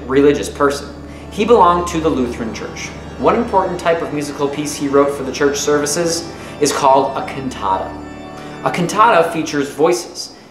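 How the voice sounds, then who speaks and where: A man in his 30s reads a children's nonfiction book aloud like a teacher, lively and expressive with lots of pitch movement, phrasing things clearly for young listeners. He's recording indoors in a small room at home, which sounds roomy and echoey, with music playing behind him.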